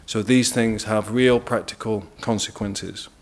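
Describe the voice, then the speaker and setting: A man with a British accent giving a formal legal presentation, measured and deliberate, stressing key words. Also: fairly low pitch, fairly even intonation. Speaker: international lawyer speaking at a press briefing.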